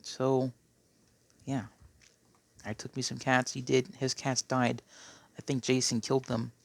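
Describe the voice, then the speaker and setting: In a dry recording, a Minecraft player with a mid-range voice talks through his gameplay in an unhurried, rambling way with little pitch movement. He keeps clearing his phlegmy throat and habitually tacks "okay?" onto what he says.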